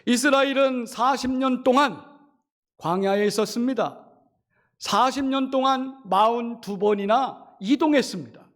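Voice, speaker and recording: A middle-aged pastor from Chungcheong in South Korea preaching a sermon, asking the congregation rhetorical questions and acting out quoted lines. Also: male voice, extremely high pitch, measured pace.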